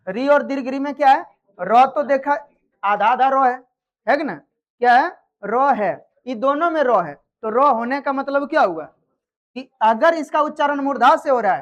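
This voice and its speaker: High-voiced woman teaching grammar. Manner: quizzes students, repeats answers, checks understanding. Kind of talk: live classroom lesson.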